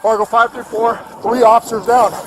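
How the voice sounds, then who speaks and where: Cop yelling into his police radio, voice cracking up super high, far off on bodycam with loud street noise. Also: flat delivery, moderate pace. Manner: shouting, strained and very high. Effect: police radio call caught on bodycam. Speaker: police officer. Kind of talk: urgent police radio call. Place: outdoors on a busy street.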